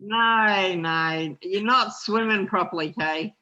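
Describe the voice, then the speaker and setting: A woman's voice: medium pitch, slow pace, sharp tone, dull audio. A woman co-hosting a casual comedy chat, making dry teasing remarks. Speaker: co-host.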